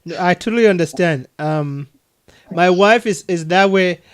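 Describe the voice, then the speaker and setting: A man with a Cameroonian accent, talking earnestly on a video call, with frequent restarts and soft laughs. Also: high voice, moderate pace, smooth. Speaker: adoption agency leader. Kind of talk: casual video call conversation.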